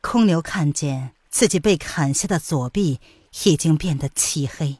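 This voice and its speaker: A woman narrating a martial-arts novel in an expressive storytelling manner. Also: low-pitched, husky, no echo, studio quality.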